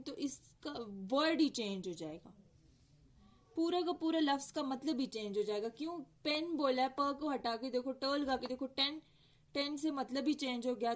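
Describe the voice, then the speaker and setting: A young woman lecturing on phonetics. She explains step by step, mixes Hindi-Urdu with English, and often corrects herself. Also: high voice. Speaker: teacher.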